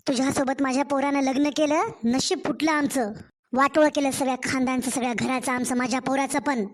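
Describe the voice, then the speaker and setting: A woman's voice: high-pitched, fairly even intonation, fairly quick, close to an everyday voice. A woman voicing a harsh scolding mother-in-law. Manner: scolding, insulting. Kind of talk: cartoon story voice acting.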